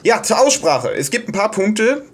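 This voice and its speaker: Hesitant German man, higher voice. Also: big pitch swings, normal speed. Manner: hesitant, many fillers and restarts. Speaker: video host explaining Japanese pronunciation. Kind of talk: casual self-made tutorial.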